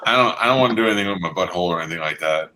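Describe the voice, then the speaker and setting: A deep-pitched man whose voice still comes out thin and tinny, with no bass, through a laptop's built-in mic. The tone is bright and edgy, with a faint hiss behind it. He jokes crudely and playfully. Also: racing. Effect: thin tinny sound with no bass from a built-in computer mic. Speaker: friend making a bet on a video call. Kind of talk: joking banter. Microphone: built-in laptop computer mic on a video call.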